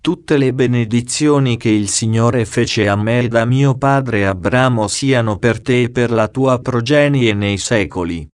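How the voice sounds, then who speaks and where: Slow solemn male scripture reader. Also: mid-range voice, dry recording, studio quality. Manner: slow, solemn, measured delivery. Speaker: audiobook reader.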